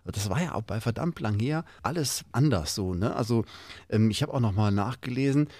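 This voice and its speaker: A man's voice: medium pitch, animated, fairly quick, darkish tone, dry recording. A male host speaking in a casual chat, hesitant with many fillers.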